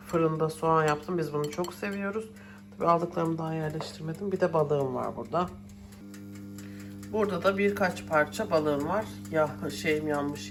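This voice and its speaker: A woman vlogging casually at home, chatty and often exasperated as she complains. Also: medium pitch. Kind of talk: casual home vlog chat. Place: home kitchen. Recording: echoey room, voice from a distance, faint noise.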